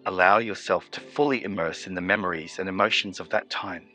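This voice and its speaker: A man guiding a meditation, giving slow, soothing, evenly paced instructions. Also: deep voice, pushed and bright, soft background music. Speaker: meditation guide. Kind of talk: guided meditation.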